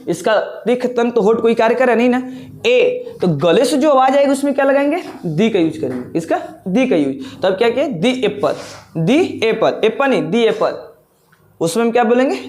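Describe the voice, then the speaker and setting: A man's voice: very high-pitched, darkish tone. A male teacher giving a grammar lesson, explaining step by step with repeated words and rhetorical questions.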